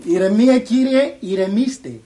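An actor playing a cheeky young suitor who stays calm and teasing. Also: male voice, high-pitched, natural voice. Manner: cool, teasing, unbothered.

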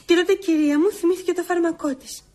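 Brief: tearful devoted maid, very high voice, deferential, radio play. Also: female voice, steady tone, dark tone. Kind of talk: radio drama acting.

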